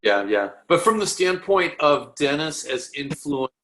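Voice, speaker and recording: A man's voice: a little high, very animated, a little slow, pushed and bright. A man hosting an interview, asking questions eagerly and often restarting his sentences over a video call. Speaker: podcast host interviewer. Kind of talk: casual interview.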